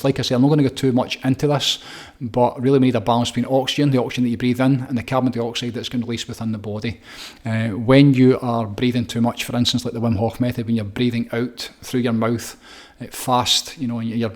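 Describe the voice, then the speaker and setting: Breathwork coach, man, middle-aged, mid-pitched voice, calm and steady guiding delivery, loose with fillers. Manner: calm, repetitive guiding with frequent "uh" fillers and restarts. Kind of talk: guided breathing instruction.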